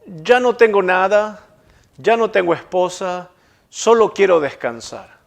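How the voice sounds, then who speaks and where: A man's voice: high voice, lively intonation, unhurried, vocal fry, full character voice. A man voicing a boy grown into a weary, needy man who complains about his troubles in a sermon story.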